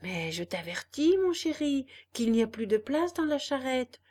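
Storybook: flattering little man, honeyed and fawning, pitched high, as a woman narrator puts him on. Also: unhurried, full character voice. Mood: coaxing. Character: sweet-talking fawning little man, coach driver.

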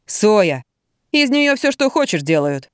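A woman reading puts on a stern middle-aged canteen cook who answers in clipped, gruff phrases. The voice swings a lot in pitch and sounds dry and close to the mic. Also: sing-song, slow, no echo. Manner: gruff, curt, unbending. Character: blunt middle-aged female buffet cook. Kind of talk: audiobook reading.

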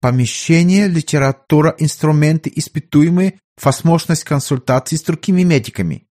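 A man's voice: on the high side, moderate pace, darkish tone, pitched above the performer's own voice, close to an everyday voice. A man voicing an earnest court doctor. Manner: respectful, pleading. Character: earnest middle-aged male court doctor.

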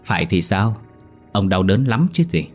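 A man with a deep voice reading as a cruel, jealous older wife who sneers and taunts in a storytelling narration. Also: very animated, moderate pace, darkish tone, faint music behind. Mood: bitter.

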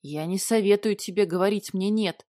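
A woman voicing a big, stubborn male dragon in an audiobook, dropping lower and growling, bursting into roars. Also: normal speed, dark tone, dry recording, studio quality, close to an everyday voice. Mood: menacing. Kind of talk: audiobook character voice.

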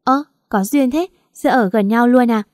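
A woman's voice: a little high, normal speed, a little mellow, dry recording, studio quality, lightly acted. A woman voicing a nosy teasing girlfriend. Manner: teasing, gossipy. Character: teasing, nosy young woman best friend.

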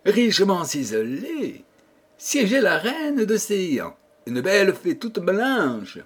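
Expressive male audiobook reader for a children's fairy tale; husky voice, lively melody, slightly higher pitch. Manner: expressive, addressing listeners as children. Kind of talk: storybook narration for children.

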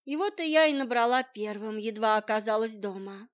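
Brief: woman narrator for a first-person novel, calm and dry, fairly high voice, dull lo-fi sound. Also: moderate pace. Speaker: audiobook narrator. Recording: muffled lo-fi audio.

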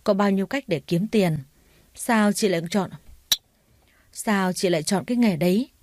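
A woman's voice: mid-range voice, normal speed, a little mellow, slight background noise, close to an everyday voice. A woman voicing an angry, ailing older mother who scolds her daughter bitterly in a narrated story.

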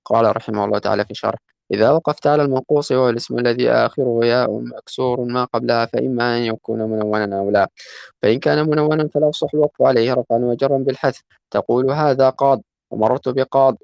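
A student reads a classical grammar text aloud in a lesson, rushing along briskly in a gravelly voice with vocal fry, then slowing to chant the quoted verses. His voice is medium in pitch, a little mellow, with fairly even intonation. The recording is close and dry, with no room echo.

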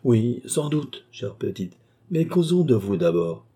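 A man's voice: mid-range voice, sing-song, measured pace, mellow, voice pushed up. A man doing a lecherous old office chief. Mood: wheedling. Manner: smooth, jovial, patronizing.

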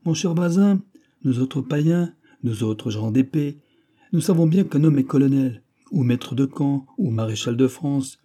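A man's voice: mid-range voice, lively intonation, a little slow, dark tone, voice pushed up. Man doing a swaggering, teasing musketeer. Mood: mocking. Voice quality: big voice. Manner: swaggering, mocking. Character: bold, teasing male musketeer, middle-aged.

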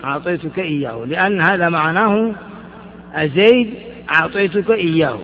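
A man with a high voice leads a grammar lesson. He explains step by step and keeps stopping to quiz his students with short questions. The recording sounds muffled and lo-fi. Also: normal speed, slight background noise. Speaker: teacher of Arabic grammar. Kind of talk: classroom lesson explaining verses. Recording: dull lo-fi lecture recording.

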